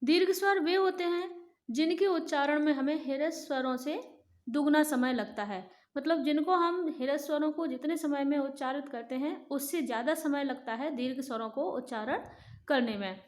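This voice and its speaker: A woman teaching a grammar lesson to children, speaking slowly and clearly and repeating lists of sounds for her pupils. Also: high voice, darkish tone. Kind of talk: classroom lesson.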